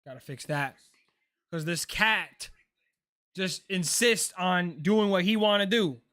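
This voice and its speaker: Bright-voiced young man chatting on a live stream. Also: high-pitched, takes it slowly. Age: 20s. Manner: relaxed, chatty, answers chat questions, says "bro". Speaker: livestream host. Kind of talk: casual live-stream chat and game reactions.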